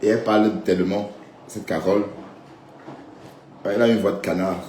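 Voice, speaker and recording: A man talks casually to his viewers on a live stream, rambling and tossing in little check-ins. His voice sits low. The room gives back a noticeable echo with faint background sound. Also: steady tone, moderate pace, a little mellow, slight background noise. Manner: rambling, addresses viewers directly with frequent "hein" and "d'accord".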